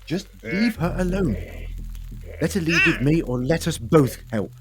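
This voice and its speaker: A man playing a kindly, wry time-travelling doctor in an audio drama, speaking in measured, old-fashioned polite phrases. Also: fairly high pitch, sing-song, music in the background. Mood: pleading, protective.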